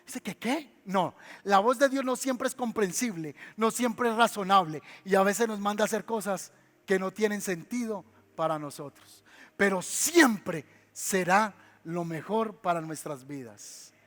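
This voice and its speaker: A man's voice: high voice, unhurried, a bit bright. A man with a Colombian accent, preaching a sermon as pastor, emphatic, repeating key lines and asking the congregation questions. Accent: Colombian Spanish. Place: church hall. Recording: church hall with long reverb.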